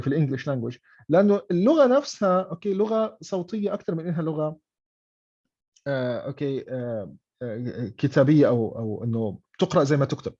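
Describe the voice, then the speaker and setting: A man's voice: on the high side, mellow, slightly rough. Man teaching English on a dull online call. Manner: mixes English and Arabic, frequent "okay?" checks. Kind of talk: online class explanation.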